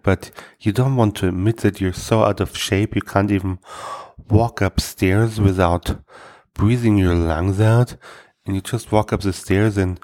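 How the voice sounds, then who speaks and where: A man hosting a comedy podcast, telling self-deprecating stories and jokes in a dry, deadpan delivery. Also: fairly low pitch. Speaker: podcast host.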